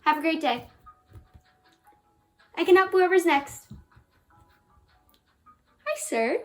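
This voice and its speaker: A woman's voice: very high-pitched, expressive, slow pace, soft background music, heavily acted, poor audio. A woman acting a chatty, awkward young store cashier in a stage monologue, bubbly and hesitant with nervous restarts. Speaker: student actor.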